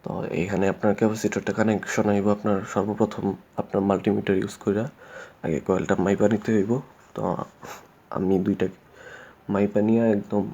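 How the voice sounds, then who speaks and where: An electrician instructor gives a casual spoken tutorial on electrical work, explaining it plainly and repetitively with lots of fillers. His voice is lowish and darkish in tone. The lo-fi audio sounds dull, with faint background noise.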